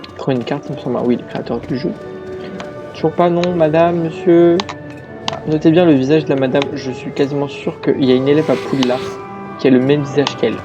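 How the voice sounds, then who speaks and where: A man's voice: fairly high pitch, steady tone, a little fast, highs cut off. A tired, yawning man giving casual, rambling commentary while playing a video game, with game music behind. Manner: chatty, rambling asides. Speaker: let's play gamer.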